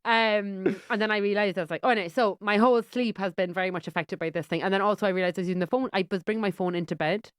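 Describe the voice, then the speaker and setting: A woman's voice: medium pitch, fairly even intonation, quick pace, few pauses, clear, resonant tone, no echo, clean studio sound. Candid, chatty woman podcast co-host. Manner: candid, chatty, casual swearing. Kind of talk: casual chat.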